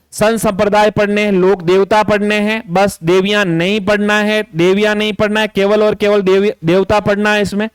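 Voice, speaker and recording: A man's voice: high-pitched, clear, resonant tone, no room sound. A man teaching as an exam coaching tutor, walking through a syllabus list and repeating key instructions. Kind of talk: syllabus walkthrough lecture.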